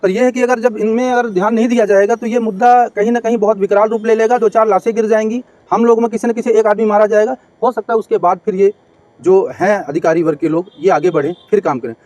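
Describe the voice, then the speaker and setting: Rapid-talking complainant man, high voice. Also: fairly even intonation, darkish tone, no room sound. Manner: urgent, hesitant with fillers. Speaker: complainant interviewed. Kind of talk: news interview statement.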